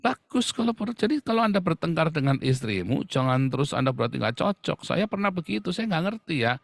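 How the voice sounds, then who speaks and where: A man's voice: a little high, sing-song, a little fast, vocal fry, no echo, clean studio sound. A middle-aged man preaching a sermon to his congregation, acting out playful mock quotes as he goes. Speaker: pastor.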